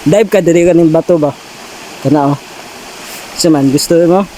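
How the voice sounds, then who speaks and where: A man's voice: a little high, moderate pace, dark tone, a little hiss or hum, low-quality recording. A man performing a comedy skit, teasing his partner and repeating his words for laughs.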